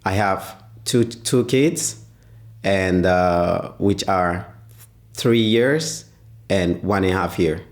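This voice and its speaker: Deep-voiced man, hesitant. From Ghana. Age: 20s. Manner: hesitant, pauses often with "uh". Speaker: interviewee, father of two. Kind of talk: interview answers.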